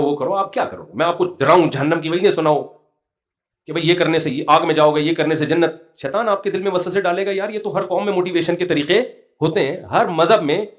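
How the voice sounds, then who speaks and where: A middle-aged man giving a conversational sermon, mixing humorous anecdotes with recited Quranic verses. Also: a little high. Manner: storytelling, humorous, quotes Quranic verses in Arabic. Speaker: Islamic scholar giving a religious talk.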